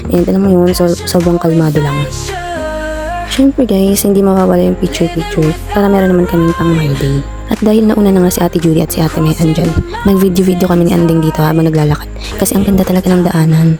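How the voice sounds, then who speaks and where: A woman's voice: lowish voice, steady tone, quick pace, music in the background. A Filipino woman giving a chatty, playful voice-over narration for her vlog, addressing her viewers. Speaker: vlogger.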